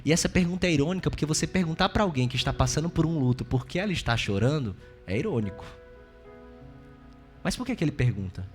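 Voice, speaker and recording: A man with a Brazilian accent preaching a sermon as pastor, shifting between loud exclaiming and hushed, intimate asides. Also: fairly high pitch, lively intonation, quick pace, soft background music. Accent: Brazilian Portuguese.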